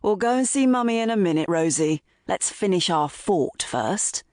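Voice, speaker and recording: A woman narrator voicing an easygoing young man who gently teases his mother and coaxes his baby sister. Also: on the low side, animated, moderate pace, no room sound, clean studio sound, close to an everyday voice. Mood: teasing. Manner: good-natured, gently teasing. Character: young adult man, easygoing, teasing big brother.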